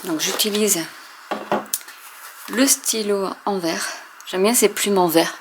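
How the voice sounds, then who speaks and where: A woman casually showing and testing inks, hesitating often with many fillers and often trailing off softly. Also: mid-range voice, slow pace, background noise. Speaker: craft video host. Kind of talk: casual product demo.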